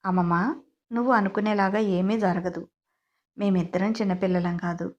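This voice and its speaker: A woman's voice: mid-range voice, fairly even intonation, normal speed, darkish tone, muffled recording, lightly acted. A woman voicing a brash, playful young groom who teases and insists. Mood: insistent. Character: bold teasing young man, newly married groom.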